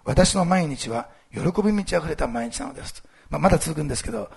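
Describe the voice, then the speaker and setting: A man speaking as a pastor, giving a casual, lively sermon with church announcements and plenty of fillers. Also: fairly high pitch, fast. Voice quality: gravelly, husky voice. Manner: lively, animated delivery with many fillers.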